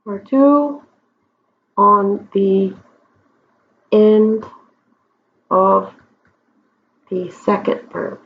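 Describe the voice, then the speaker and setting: A woman teaching a Spanish grammar lesson, explaining step by step and checking in with her students. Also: medium pitch. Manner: slow, deliberate explanations with frequent check-ins. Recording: dull lo-fi recording.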